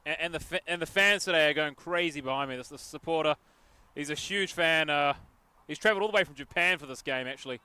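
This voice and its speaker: Bright-voiced football commentator. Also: male voice, a little high, fast talker, hardly any pauses, clear, resonant tone, no echo. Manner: chatty, jokey asides, excited bursts at chances. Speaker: match commentator. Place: outdoors at a local sports field. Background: passing traffic.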